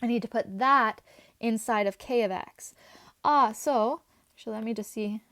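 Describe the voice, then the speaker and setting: A woman teaching a math class, chatty and talking her students through each step as she writes, her voice a little hoarse. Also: on the high side, normal speed, fairly bright tone, no room sound, clean studio sound. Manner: chatty, talks while writing, asides to students. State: voice going, slightly hoarse.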